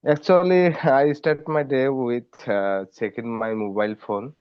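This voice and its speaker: Man student, Bangladeshi accent, halting, very slow, dull lo-fi line. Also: medium pitch, expressive, smooth. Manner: halting answer with fillers.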